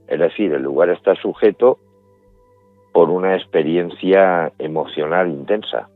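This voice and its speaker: A middle-aged man with a Spanish accent, a paranormal investigator answering interview questions in a measured, explanatory way. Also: sits low, no room sound. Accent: Spanish from Spain. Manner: measured, explains step by step with restarts. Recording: dry, phone-like remote line.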